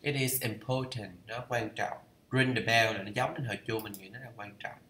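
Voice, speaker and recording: A Vietnamese man, reading a course aloud as a learner, works through English idioms in a casual study vlog, thinking aloud and slowly reading phrases to check their pronunciation. His voice is lowish, steady and sharp, in a reverberant space with a faint hiss or hum.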